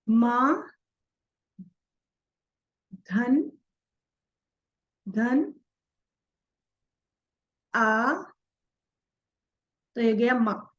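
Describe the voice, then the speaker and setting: A woman's voice: fairly high pitch, lo-fi sound. A woman teaching a class, asking questions and answering them herself as she spells words out letter by letter. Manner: spells out each letter slowly while writing. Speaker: Sanskrit teacher. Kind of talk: explaining a textbook lesson.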